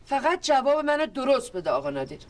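An actress playing a calm figure who mediates a family dispute and talks the others down. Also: female voice, sits high. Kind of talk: TV comedy drama acting.

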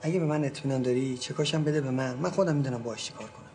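A man's voice: medium pitch, darkish tone, a little hiss or hum, lightly acted. An actor playing a middle-aged male real estate agent, by turns soothing and threatening. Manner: soothing, then blustering and threatening.

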